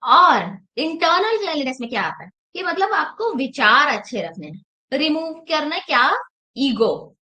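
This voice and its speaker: Bright, high-pitched woman yoga teacher. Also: sing-song, normal speed. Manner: explains patiently with rhetorical questions. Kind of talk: online class lecture.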